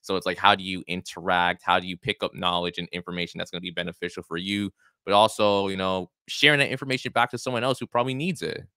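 Deep-voiced and quick, this young podcast host sounds pushed and bright, clear and resonant, with fairly even intonation and no room sound. He chats encouragingly and repeats himself in a casual interview, working from a small home studio with a studio mic and headphones.

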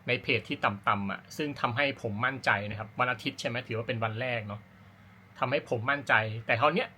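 A man's voice: mid-range voice, fast talker, pushed and bright, a little hiss or hum. A man talking casually as an amateur running vlogger, explaining his routine in an informal, rambling, self-correcting way. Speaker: amateur runner hosting a running vlog. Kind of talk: casual talk to camera about personal routine.

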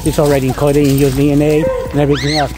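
A man in his fifties, a spiritual teacher, talking earnestly into a phone at arm's length outdoors in a wooded park, halting with many fillers and restarts. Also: on the high side, level tone, over loud music. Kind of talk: spiritual vlog monologue. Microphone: phone held at arm's length.

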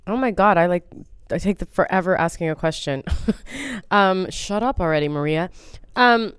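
This is an American woman comedian talking in a casual, rambling way, poking fun at herself and using lots of fillers. Her voice sits a little low and comes across smooth and clear. The recording is close and dry. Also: lively intonation, moderate pace, no room sound. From United States. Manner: rambling, self-deprecating, many fillers. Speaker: comedian guest. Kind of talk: casual interview chat.

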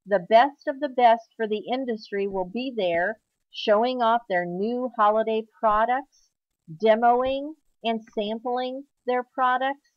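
A woman who runs a gift basket school, announcing a conference in a slow, deliberate promotional voice-over with a few fillers. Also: a little high, no echo, muffled recording. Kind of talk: slide-show promotional voice-over.

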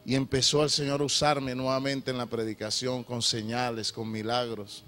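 A middle-aged man preaching a sermon, swinging from loud shouted appeals to low, confessional testimony. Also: level tone, normal speed, faint music behind.

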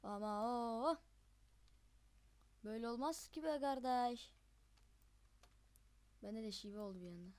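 A young gamer host giving live, chatty commentary over gameplay, excitable and quick to yelp in frustration. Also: mid-range voice, smooth.

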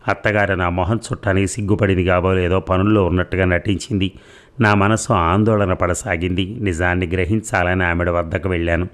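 A man narrating a first-person audio story with a measured, steady reading. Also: low-pitched.

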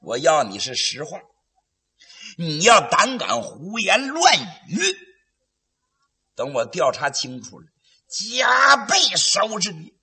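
A stern, scheming magistrate from a traditional storytelling tale, acted by a man. The voice is gravelly and forceful. He threatens slowly and dramatically, with menace in every phrase. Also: sits high, huge pitch swings, exaggerated voice. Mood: menacing. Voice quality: gravelly, hoarse.

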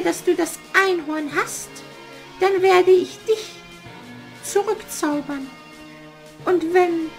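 A very high, shrill old witch cackles and schemes in a puppet theater play, played by a man in falsetto. She drags her words out slowly and bosses everyone around. Faint music plays behind her. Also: exaggerated voice. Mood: commanding.

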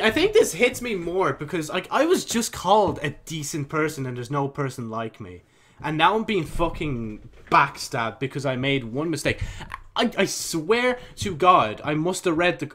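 A man's voice: fairly high pitch, a bit bright. A young man commenting on a game as he plays, reacting in an exasperated way and swearing often while talking himself through his choices. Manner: talks to himself while choosing dialogue options. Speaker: gaming channel host. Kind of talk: let's-play commentary.

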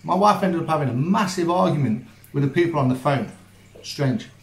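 Brisk and lively in intonation, this slightly high male voice belongs to a vlogger and youth football coach speaking matter-of-factly to camera. He records on a phone at arm's length across changing spots, including rooms at home, the doorstep and outdoors, with clear background noise and outdoor ambience.

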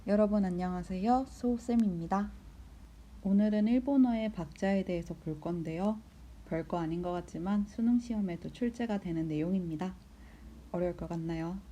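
Woman, teacher, mellow tone, patient classroom explanation, counts beats slowly, faint background hiss. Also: fairly low pitch. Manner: patient, asks the class questions and answers them herself. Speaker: Japanese teacher. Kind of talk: recorded school lesson explanation.

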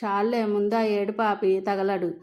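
A short-tempered young husband who barks orders, voiced by a woman storyteller. His lines come out commanding and irritable. The pitch stays flat and even with little movement. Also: unhurried, natural voice. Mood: bossy.

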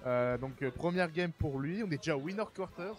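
A man from Quebec who speaks with a French accent, casually commentating a fighting game match in a relaxed, chatty way. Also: fairly high pitch, soft background music. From Quebec, Canada. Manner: relaxed, chatty, trailing pauses and filler. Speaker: esports commentator.

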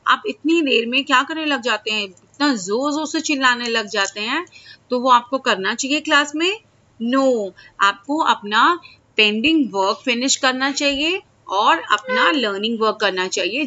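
A woman teacher explaining simple English sentences to children in Hindi, checking in often and saying the example phrases slowly. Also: a little high, bright, forceful tone. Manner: slow, drawn-out example sentences. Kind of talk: classroom-style lesson to children.

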